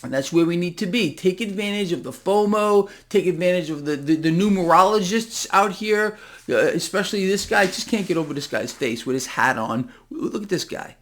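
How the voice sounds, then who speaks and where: Brisk and lively in intonation, a high-voiced host of a market commentary channel talks to viewers with unscripted passion. His tone is forceful and disbelieving, with a conspiratorial edge, and he addresses the audience directly.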